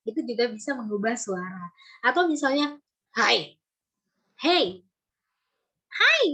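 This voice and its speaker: Brief: animated woman storytelling coach, fairly high voice, casual workshop delivery with quick voice demos. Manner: lively, demonstrates voices and intonations. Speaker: storytelling trainer.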